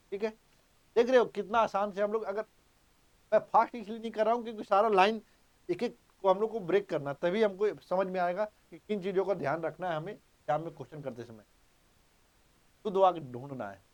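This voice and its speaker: Male exam-prep tutor, high voice, drills points with repetition and quick questions. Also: a little mellow. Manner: emphatic, repeats key points, quizzes students. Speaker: teacher. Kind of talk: exam-prep grammar lesson.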